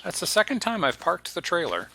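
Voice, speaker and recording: A male streamer chats loosely over his gameplay, wandering from one thought to the next and dropping jokey asides. His pitch moves around a lot and sounds lively. A steady hiss from the headset mic sits under his voice. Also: a little fast, vocal fry. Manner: chatty, rambling, jokey asides. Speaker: gaming streamer. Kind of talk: casual gameplay commentary.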